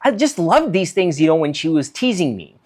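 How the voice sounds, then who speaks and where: A man's voice: on the high side, fairly quick. A man, a physician, giving a solo talk, reading from notes and acting out example lines. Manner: animated, acts out quoted lines, reads from notes. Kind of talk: solo talk on conversation skills.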